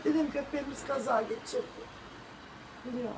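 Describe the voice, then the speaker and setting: Speaking at normal speed in a high voice, a middle-aged woman talks casually to her viewers in a home vlog, her tone sorrowful and prayerful, occasionally calling out sharply to her dog. There is background noise.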